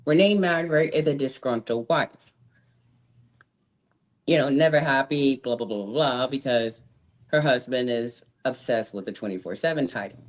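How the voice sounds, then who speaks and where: A woman's voice: a bass voice, moderate pace. A woman in her thirties, a former wrestler talking as an interview guest, candid and outspoken, often laughing. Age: 30s. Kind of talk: casual interview chat.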